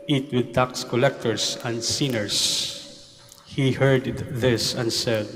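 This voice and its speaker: Male priest, Filipino accent, very slow and measured, cathedral echo. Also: medium pitch. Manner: slow, measured liturgical delivery mixing Tagalog and English. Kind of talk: proclaiming the Gospel and preaching a homily at Mass. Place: large church. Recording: long church reverb with faint room ambience.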